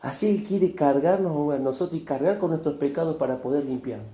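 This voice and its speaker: A male pastor preaches in an echoey church hall, leaning on rhetorical questions and repetition. His voice is fairly high and warm, and he speaks briskly.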